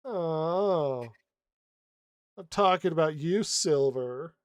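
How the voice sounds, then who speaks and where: A man's voice: on the high side, lively intonation, very slow, smooth, no room sound, clean studio sound. A man hosting a casual podcast chat, sarcastic and jokey, often laughing. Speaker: podcast host.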